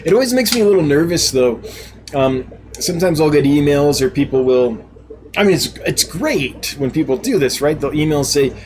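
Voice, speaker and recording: A chatty man hosting a live stream, with a slightly higher voice than most men. He reads viewer comments aloud and answers them, laughing often at his own mistakes. A faint hiss of noise sits under his voice. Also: expressive, moderate pace. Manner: laughs often, self-deprecating. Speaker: live stream host and fish seller. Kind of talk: casual live chat.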